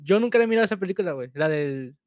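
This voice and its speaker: A young man with a Mexican Spanish accent co-hosting a casual podcast, laid-back and slangy, quick to swear. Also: sits high, lively intonation, a little mellow, no echo, studio quality. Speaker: podcast co-host. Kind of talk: casual chat.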